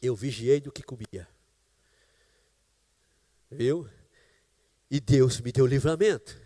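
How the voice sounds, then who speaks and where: A man's voice: medium pitch, takes it slowly, mellow, long reverb tail. A man pastor with a Brazilian Portuguese accent, preaching a sermon in a large church and telling a personal testimony with exclamations of praise. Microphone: live stream church microphone.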